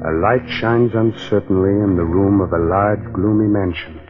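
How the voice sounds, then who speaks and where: A low-voiced, macabre host of an old radio horror show played by a man welcomes listeners with teasing, sinister politeness. The sound is muffled and vintage, with faint music. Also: steady tone, moderate pace, lightly acted. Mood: teasing, ominous. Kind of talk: 1940s radio horror hosting.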